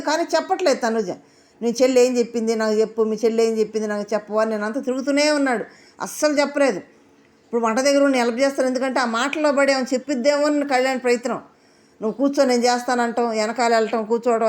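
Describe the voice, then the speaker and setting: A woman in a casual commentary, retelling a reality show's events with quick, repetitive phrasing. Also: on the high side. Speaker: show reviewer.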